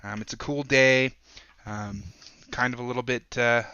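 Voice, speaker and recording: A man running a tabletop game as dungeon master, setting the scene in an even, level delivery full of ums and uhs. His voice is bright and clear but comes through a slightly dull, muffled microphone. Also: mid-range voice, no room sound. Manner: halting, with many ums and uhs.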